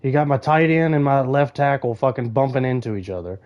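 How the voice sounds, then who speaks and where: A man's voice: medium pitch, animated, fairly quick, dull audio. A young man, streaming a video game and ranting angrily with constant swearing. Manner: angry swearing rant, frustrated. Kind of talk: live game-stream commentary.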